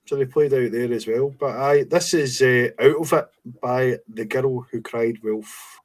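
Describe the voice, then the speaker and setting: A man's voice: mid-range voice, measured pace, low-quality recording. A Scottish man hosting a music podcast, talking casually with plenty of fillers and restarts. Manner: relaxed, hesitant, lots of fillers. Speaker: podcast host. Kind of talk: casual chat.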